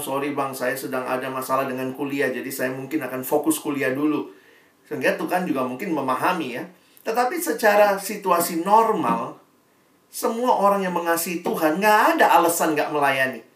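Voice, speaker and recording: Animated preacher man in a roomy hall. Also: on the high side, recorded from a distance. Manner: animated, acts out dialogue, swings between loud emphasis and quiet asides. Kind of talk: sermon to young adults.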